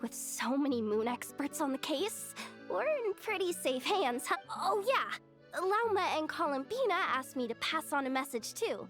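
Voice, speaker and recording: A woman's voice: high-pitched, very animated, a little fast, fairly bright tone, soft background music. An actress playing a bubbly, theatrical, friendly young woman in a video game, casual and exclamatory in manner. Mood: cheerful.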